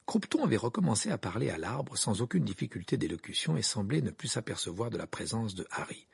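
This is a man narrating an audiobook with a very animated, swinging delivery. His voice is gravelly and deeply husky. The recording is close and completely dry. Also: fast talker, dry recording. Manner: expressive reading, wide pitch swings.

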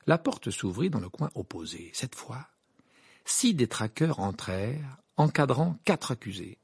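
A man narrating an audiobook with a gravelly, very husky voice. His reading is expressive and dramatic, with a lively rise and fall. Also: medium pitch, measured pace, dry recording, clean studio sound. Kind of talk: scripted narration.

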